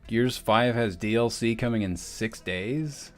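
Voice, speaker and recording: Young male streamer, casual and profane, slow unhurried delivery. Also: lowish voice, soft background music. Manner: rambling, casual, swears often. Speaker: livestreamer and animator. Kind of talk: casual livestream commentary.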